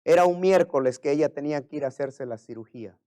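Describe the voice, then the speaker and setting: A male pastor preaching a sermon, moving between hushed personal storytelling and loud, impassioned preaching. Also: on the high side, fast talker, no echo.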